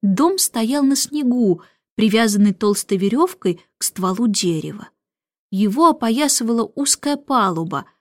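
A woman reading a storybook audiobook, expressive and lively, her voice sitting a little high. The recording is dry and close with no room sound. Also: no room sound. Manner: expressive, lively read-aloud. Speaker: narrator.

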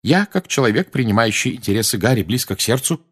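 A man with a husky voice reading aloud, putting on a fierce, protective middle-aged mother witch who talks in an indignant, commanding way. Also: mid-range voice, big pitch swings, quick pace, pitched above the performer's own voice.

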